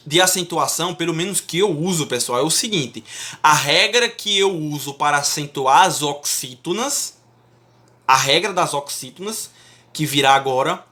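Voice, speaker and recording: A man's voice: a little high, pushed and bright. Emphatic male Portuguese teacher. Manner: emphatic, checks in often with the class. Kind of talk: classroom-style lecture.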